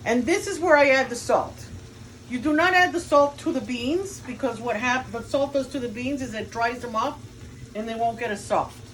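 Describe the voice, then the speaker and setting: A woman with a somewhat high voice and a Cuban accent cooks at home for the camera, talking at a moderate pace. She narrates every step for viewers and kids around with the person filming. The audio quality is low, with some hiss or hum.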